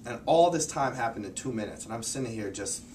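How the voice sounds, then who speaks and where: A young man telling stories about his time abroad in a casual, animated way, acting out what others said. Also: mid-range voice, fast, recorded from a distance, a little hiss or hum. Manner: animated, acts out quoted voices. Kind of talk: casual storytelling.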